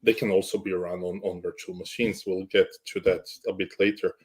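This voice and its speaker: A man's voice: deep voice, flat delivery, a little fast. A man from Croatia, a guest in a casual interview chat, good-humored and jokey, often restarting his sentences. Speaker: guest, cloud architect.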